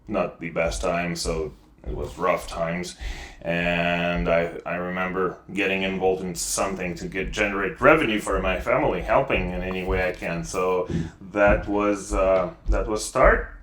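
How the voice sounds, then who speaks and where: Middle-aged Ukrainian-accented man, deep voice, halting with fillers, echoey room; interview guest. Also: steady tone, a bit bright, a little hiss or hum. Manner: hesitant, many fillers and restarts. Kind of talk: casual interview.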